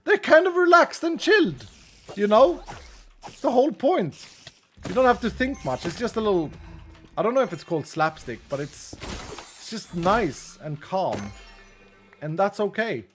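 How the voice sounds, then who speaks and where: His high, sing-song voice is fairly bright, a little slow, with long pauses and faint music behind. A Swedish man with Swedish as his first language and a matching accent, he chatters with viewers during a gaming stream, joking at his own expense, laughing frequently, and leaving thoughts unfinished.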